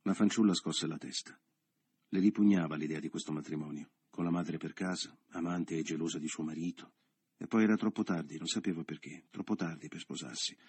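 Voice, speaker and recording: Man narrating a novel, low husky voice, measured literary reading, dry close sound. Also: darkish tone, no room sound.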